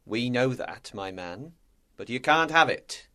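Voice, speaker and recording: A man acts out a resolute ship's captain from a storybook. He speaks at a medium pitch with lively swings, stern and authoritative, in clipped commands. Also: a little slow. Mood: stern, defiant. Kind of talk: acted storybook dialogue.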